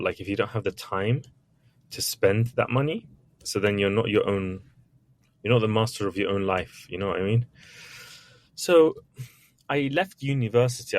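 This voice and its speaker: This author and entrepreneur, Iraqi-born and raised in England, speaks at a moderate pace in a fairly low voice. His interview answers come out candid and chatty, often restarting and sprinkled with small acted quotes.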